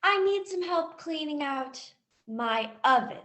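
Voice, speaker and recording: A woman's voice: high voice, animated, unhurried, bright, forceful tone, exaggerated voice. A woman playing a scolding, crotchety old candy-house witch in a comic school stage play, theatrical in manner. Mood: coaxing.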